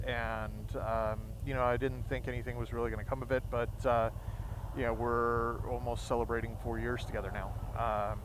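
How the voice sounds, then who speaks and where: Halting man talking inside a motorcycle helmet, noisy. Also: medium pitch. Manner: halting, earnest, with long pauses. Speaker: motovlogger. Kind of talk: candid personal monologue to viewers. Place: outdoors, riding a motorcycle. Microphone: close mic inside a motorcycle helmet. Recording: steady engine and road noise, inside helmet.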